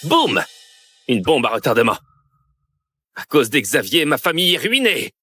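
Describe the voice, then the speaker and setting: An actor playing a vengeful, cruel male kidnapper in a dubbed drama, slow and gloating, with husky laughs. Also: medium pitch, very animated, sharp tone, no echo, faint music behind, heavily acted. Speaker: kidnapper bomber.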